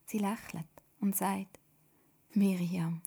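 A woman with a Swiss German accent telling a children's story in whispered storytelling, soft and hushed. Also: lowish voice, measured pace, vocal fry, husky.

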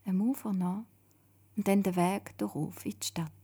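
A woman, telling a story in a hushed, breathy whisper that stays close and gentle. Her pitch sits mid-range for a woman, and the airy, husky tone carries the whole telling. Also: fairly even intonation, normal speed.

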